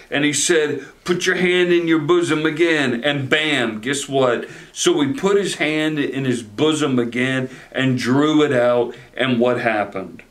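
Slow-paced animated pastor preaching. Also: male voice, mid-range voice. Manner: animated, gesturing broadly, repeats words at starts of phrases. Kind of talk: sermon. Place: study with bookshelves, indoors.

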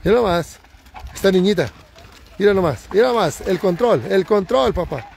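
A man with a Mexican accent giving excitable live commentary outdoors on a hillside, recorded on a handheld phone, repeating warnings and catchphrases. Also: high-pitched, normal speed, gravelly, slight background noise. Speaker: livestream commentator. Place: outdoors on a hillside race course.

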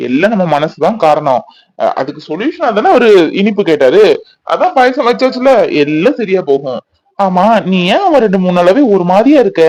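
A man voicing a gentle young fiancé. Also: sits high, low-quality recording. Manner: soothing, coaxing. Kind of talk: cartoon voice acting.

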